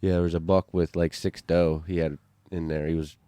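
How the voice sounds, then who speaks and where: A man's voice: low-pitched, level tone, fairly quick, warm tone, no room sound. A man in casual podcast chat, telling a story in a rambling way with lots of fillers and restarts. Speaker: bowhunter on a hunting podcast.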